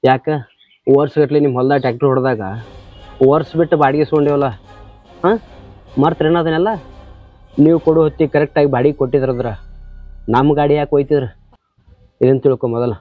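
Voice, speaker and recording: A man's voice: a little high, steady tone, fast talker, long pauses, close to an everyday voice. A man playing a defensive tractor driver with a North Karnataka accent. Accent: North Karnataka Kannada. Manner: defensive, pleading. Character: indebted young tractor driver, defensive lover. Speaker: tractor driver in a village drama. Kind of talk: short-film acting. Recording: slightly dull audio, faint music.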